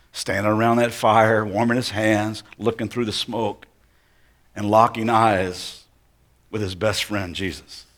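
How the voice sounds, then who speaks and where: Dramatic storytelling male pastor. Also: lowish voice. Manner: dramatic storytelling, slowing and dropping to hushed tones for effect. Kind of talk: sermon.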